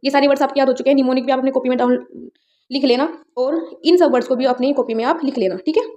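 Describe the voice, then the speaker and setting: A woman's voice: high voice, steady tone, very fast, dark tone. A woman teaching an exam-prep vocabulary lesson, explaining words with memory tricks and often checking that students follow. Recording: dull, lo-fi sound.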